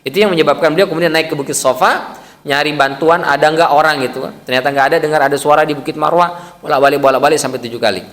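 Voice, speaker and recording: A man's voice: a little high, fast, fairly bright tone. A man giving an after-dawn mosque sermon, telling anecdotes in a humorous, conversational way. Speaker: Islamic preacher. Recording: long mosque reverb.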